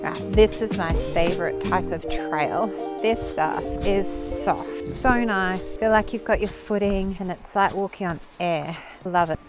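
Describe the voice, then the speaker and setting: A woman's voice: medium pitch, unhurried, hardly any pauses, poor audio. A woman chatting upbeat on a mountain hiking trail, talking into a handheld camera. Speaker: travel vlogger. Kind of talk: casual vlog chat. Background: background music.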